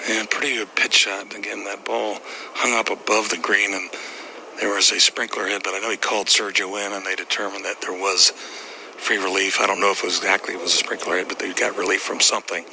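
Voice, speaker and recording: A man's voice: sits low, little pitch movement, fairly quick, pushed and bright, slight background noise, low-quality recording. A man reporting from out on the course as a golf commentator, talking through each putt and shot live. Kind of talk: live golf commentary, describing putts step by step.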